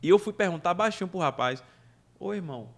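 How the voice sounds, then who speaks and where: Animated man telling a story. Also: high-pitched, fairly quick. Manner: animated, laughing anecdotes. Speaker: podcast guest, event producer. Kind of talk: casual storytelling chat.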